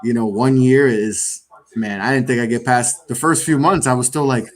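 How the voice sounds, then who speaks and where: A man's voice: medium pitch, fairly even intonation, normal speed. A man who runs a podcast network, chatting casually in a rambling way with many restarts. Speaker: network founder and guest.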